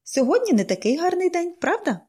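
A woman reader voicing a cheerful, chatty young girl who speaks brightly and eagerly. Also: mid-range voice, very animated, normal speed. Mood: chirpy.

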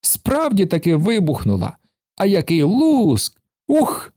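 A man's voice: sits high, huge pitch swings, normal speed, darkish tone, no echo, studio quality, voice pushed up, full character voice. Karlsson, a man doing a boastful carefree little man. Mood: delighted. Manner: cheerful, brushes off trouble.

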